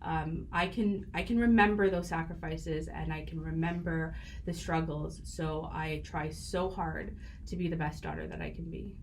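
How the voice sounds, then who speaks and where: Woman in her 30s, kinda low voice, earnest, lots of ums, faint hiss behind. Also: fairly even intonation, normal speed, darkish tone. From Canada. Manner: earnest, reflective, with frequent fillers. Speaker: podcast guest, educator. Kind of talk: casual interview chat.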